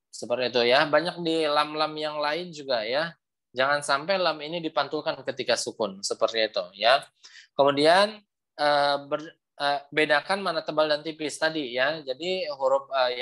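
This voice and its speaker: A young man teaching Quran recitation in an online class, patiently repeating points and sounding out letters slowly over a video call. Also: on the high side, a bit bright.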